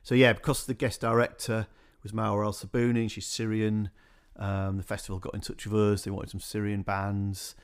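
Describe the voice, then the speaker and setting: A man speaking as a guest in a radio interview, talking about his music organisation in a relaxed, rambling way with many fillers. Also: on the low side, normal speed, hardly any pauses, clean tone.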